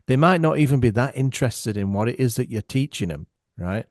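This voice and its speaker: A middle-aged man talks as a podcast guest in a dry, close-miked voice of middling pitch. He tells his stories with animation and casual swearing, shifting his voice to act out other people. His tone stays loose and conversational. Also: lively intonation, a little fast, darkish tone, dry recording. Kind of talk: casual storytelling chat.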